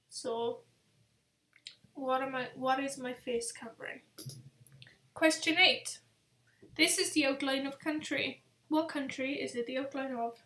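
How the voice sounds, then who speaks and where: A tired woman hosting a live-stream quiz, rambling casually and reading each question out slowly, repeating it as she goes. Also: high voice, fairly bright tone. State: tired, yawning. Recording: echoey room sound.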